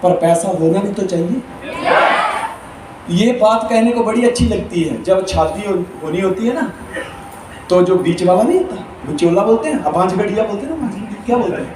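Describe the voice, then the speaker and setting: A man's voice: high-pitched, expressive, a little fast. A man giving a live motivational seminar, telling humorous stories and acting out characters with animation. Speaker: motivational speaker. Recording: echoey hall, distant mic, crowd noise.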